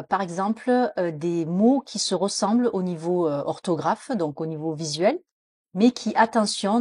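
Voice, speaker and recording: A woman teaching English pronunciation in French, explaining patiently with frequent hesitations and slowing down to model English example sentences. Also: on the low side, darkish tone, breathy edge, no room sound, studio quality.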